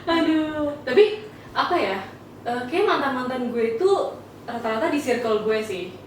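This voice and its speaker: A woman in her twenties co-hosting a casual podcast, easygoing and quick to agree. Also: high voice. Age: 20s. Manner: easygoing, agrees a lot with short replies. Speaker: podcast co-host. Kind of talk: casual chat. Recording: echoey room, far from mic, faint noise.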